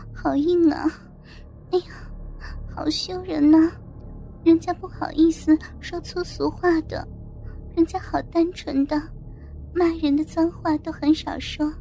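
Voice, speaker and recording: A woman's voice: high voice, gravelly, mellow, slight background noise, pitched above the performer's own voice, full character voice. A woman voicing a young female flight attendant in an audio story, stammering tearful pleas and speaking sweetly and bashfully.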